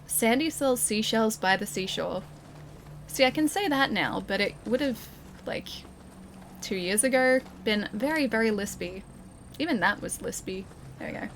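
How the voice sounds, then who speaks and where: Animated and speaking at normal speed, a young female streamer has a fairly bright voice on the high side, with a bit of hiss or hum behind it. She chats casually with viewers during gameplay, laughing frequently and restarting sentences.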